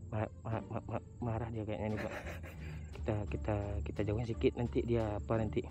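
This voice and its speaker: A man vlogging outdoors as he flies a drone, giving playful running commentary in a teasing way with bursts of loud, high shouting. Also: little pitch movement, fairly quick, dull audio. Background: background music.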